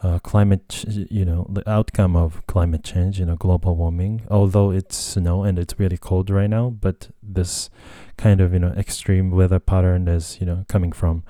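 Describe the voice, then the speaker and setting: A man's voice: low voice, little pitch movement, moderate pace, hardly any pauses, warm tone, dry recording, clean studio sound. A young Japanese man with a Japanese accent hosting a casual solo podcast, talking hesitantly with many fillers and self-corrections. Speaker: podcast host. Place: Tokyo, Japan.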